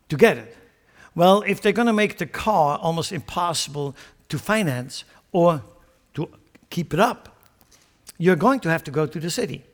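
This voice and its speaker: A man preaches in a fairly high voice. He leans hard on key phrases, then drops to quiet asides and chuckles at his own jokes. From Switzerland. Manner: emphatic, swings between loud stressed phrases and quiet asides. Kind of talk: sermon.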